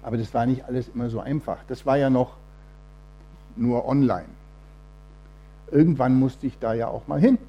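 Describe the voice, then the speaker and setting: A man's voice: medium pitch, moderate pace, pauses often, husky, muffled recording. A man giving a testimony sermon in church, telling his story with quoted voices acted out and reading a Bible passage aloud.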